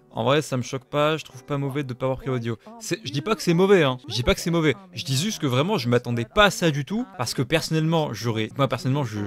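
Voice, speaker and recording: A man making a casual reaction video, talking in loose slang with sudden loud outbursts. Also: mid-range voice. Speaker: YouTuber.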